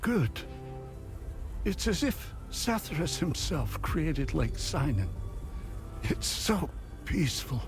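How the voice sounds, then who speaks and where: Over music, an actor plays a devout, fatherly older abbot in a video game, speaking formal, pious and grave lines in a calm, gentle mood. His voice is on the high side and heavily acted, slow with big pitch swings and long pauses.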